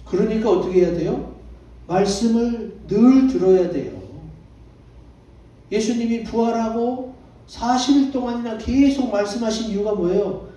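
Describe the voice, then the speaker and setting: Man, pastor, sermon, high voice, dark mellow tone, echoey church hall, distant mic. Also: lively intonation, moderate pace. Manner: asks the congregation questions and answers them himself. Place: church sanctuary.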